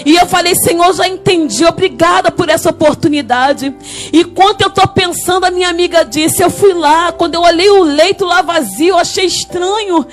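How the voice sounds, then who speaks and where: A woman with a Rio de Janeiro Brazilian accent preaching a fervent testimony sermon in church, rising to tearful shouts. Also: very high-pitched, moderate pace, faint music behind. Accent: Brazilian Portuguese, Rio de Janeiro. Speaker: guest preacher.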